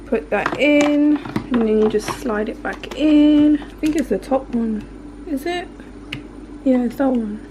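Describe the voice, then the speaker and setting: A woman's voice: high-pitched, a little slow. A young woman chatting casually to viewers while she cooks in her home kitchen, filming on a handheld phone. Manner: chatty, bubbly, talks to viewers while cooking. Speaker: cooking vlogger. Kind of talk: casual cooking vlog chat. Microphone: handheld phone camera. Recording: noisy kitchen recording.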